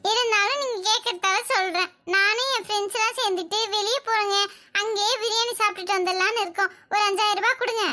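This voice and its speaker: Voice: very high-pitched, steady tone. A performer voicing a cheeky, defiant young wife in a cartoon who answers back with insults. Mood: sassy. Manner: sassy, insulting, quick retorts. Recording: loud background noise.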